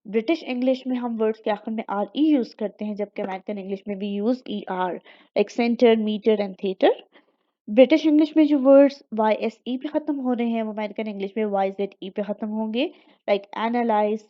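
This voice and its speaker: Woman teaching slowly, muffled recording. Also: on the high side. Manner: slow, careful, deliberate enunciation of example words. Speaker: English teacher. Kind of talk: explanatory language lesson. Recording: dull lo-fi recording.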